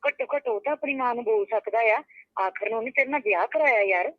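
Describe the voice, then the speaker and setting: A woman's voice: fairly high pitch, fast talker, no echo, natural voice. Woman playing consoling friend on a phone call, reassuring, emphatic, dry dull recording. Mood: concerned. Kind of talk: web drama acting.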